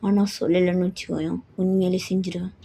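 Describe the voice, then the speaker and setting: A woman's voice: fairly low pitch, little pitch movement, fast, creaky, mellow. A woman voicing a menacing young man who wants revenge, speaking in threats and mockery. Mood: threatening. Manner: threatening, mocking.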